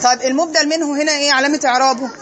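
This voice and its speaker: Brisk high-voiced Egyptian woman teacher. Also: steady tone, a crowd in the background. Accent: Egyptian Arabic. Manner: poses questions then answers them herself. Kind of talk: classroom lesson.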